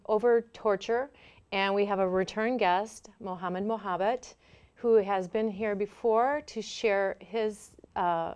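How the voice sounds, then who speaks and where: A woman's voice: medium pitch, darkish tone, clear, resonant tone. A woman hosting a talk show interview, gracious and somewhat hesitant, with frequent fillers.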